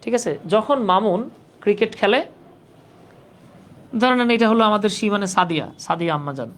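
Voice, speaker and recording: A grammar teacher runs a live online class for job exam prep, her medium-pitched voice expressive and a little fast. She patiently repeats points and keeps checking that students are following along.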